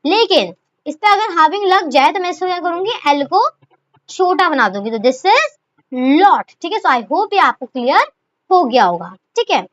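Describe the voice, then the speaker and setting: A woman's voice: very high-pitched, very animated, normal speed. A woman teaching a shorthand lesson, asking questions and answering them herself, and calling her students fondly as children. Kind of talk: explaining a lesson. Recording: dull lo-fi recording.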